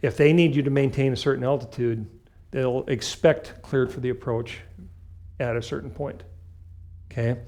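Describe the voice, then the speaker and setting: A man's voice: mid-range voice, steady tone, moderate pace, darkish tone. A man giving an instructional talk as a flight instructor, explaining step by step in short, emphatic, clipped phrases. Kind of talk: instructional talk with acted radio call examples.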